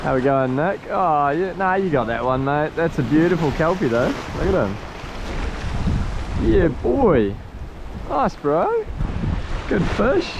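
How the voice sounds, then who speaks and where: Kiwi bloke w broad accent, highish voice, slow matey slangy fishing chat, waves and wind noise outside. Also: male voice, very animated. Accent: broad New Zealand. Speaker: fishing show host. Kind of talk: casual on-location fishing vlog. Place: outdoors on a rocky coastal ledge. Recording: noisy outdoors with sea and surf. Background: waves and surf.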